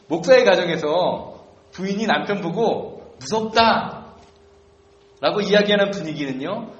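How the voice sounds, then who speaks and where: A male pastor preaching a sermon, telling a self-deprecating story in a conversational way. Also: high voice. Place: church sanctuary. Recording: echoey church room, dull lo-fi sound.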